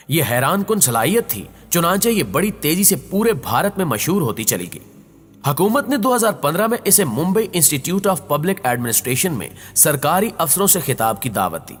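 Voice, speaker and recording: Expressive man narrating a story. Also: on the high side, slightly rough. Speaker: storyteller and channel host. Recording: long reverb with faint background music.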